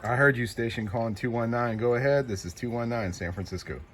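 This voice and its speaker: Heavy background noise surrounds this man's fast, mid-range voice. He's a CB radio operator hosting a channel, chatting informally in brief calls and acknowledgements, with call signs repeated, in casual CB contact talk.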